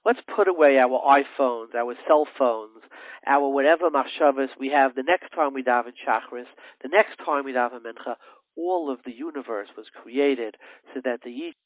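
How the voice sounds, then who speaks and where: A man hosting a religious radio talk show, telling a story with lively swings between loud emphasis and hushed narration. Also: medium pitch, moderate pace, no room sound. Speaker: radio host. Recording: narrow phone-line sound, dry.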